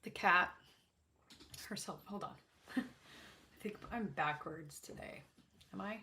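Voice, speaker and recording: A woman with a slightly gravelly voice hosts an art demonstration in casual chat, rambling, interrupting herself and apologizing as she goes. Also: mid-range voice, slow pace, bright, forceful tone, a little hiss or hum. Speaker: host of an art livestream swatching watercolors. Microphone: backup microphone.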